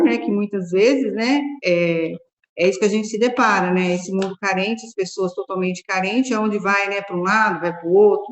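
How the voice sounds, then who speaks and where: A woman, a catechist, tells a personal story in a group Bible study, talking conversationally and often adding "né?" as she goes. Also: medium pitch. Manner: conversational, frequent tag "né?", retells dialogue. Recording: echoey room.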